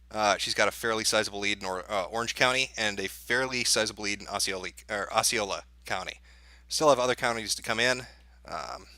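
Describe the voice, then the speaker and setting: A man's voice: lowish voice, bright, forceful tone, dry recording. A man hosting a livestream as an off-the-cuff election night analyst, thinking aloud as he reads out results in casual live commentary. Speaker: livestream host.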